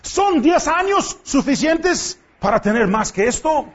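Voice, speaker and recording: A man's voice: very high-pitched, sing-song, measured pace. A man preaching a sermon to his congregation in a church, pressing them with impassioned rhetorical questions. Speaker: pastor. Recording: dull lo-fi church recording.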